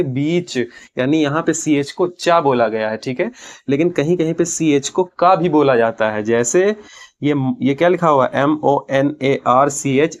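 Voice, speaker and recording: A man leads an English grammar lesson in a classroom manner. His voice sits at a middle pitch, and he works through the rules step by step. He poses questions and answers them himself, and reads English phrases slowly and carefully.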